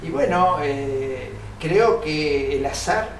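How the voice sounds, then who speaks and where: An older man, born in Italy, talks through his answers earnestly and haltingly, full of pauses and fillers. His voice sits a little high, and it sounds roomy and distant, with steady noise in the background. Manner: hesitant, many fillers, earnest. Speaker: interview guest, engineer and researcher. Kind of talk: reflective interview answers. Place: TV studio set. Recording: roomy, distant mic, noisy.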